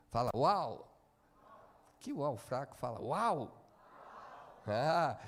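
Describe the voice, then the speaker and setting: A Brazilian man preaching a sermon in a church, calling on the congregation to repeat after him and swinging between quiet talk and shouting. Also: a little high, in a large hall. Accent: Brazilian Portuguese. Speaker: pastor. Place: church hall.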